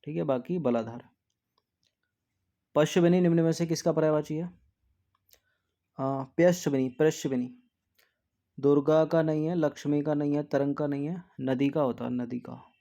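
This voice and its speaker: Teacher drilling spelling, dark voice. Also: male voice, steady tone, measured pace, vocal fry, pauses often. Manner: repeats words to drill spelling; drops to a soft low aside after answers. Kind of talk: exam practice lesson.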